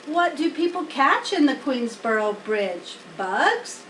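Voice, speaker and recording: A woman's voice: high voice, big pitch swings, slow pace, fairly bright tone, exaggerated voice. A woman voicing a humble, naive young male pig from a children's storybook, earnest and dreamy. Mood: curious. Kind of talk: children's storybook character reading. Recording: roomy, distant mic, faint noise.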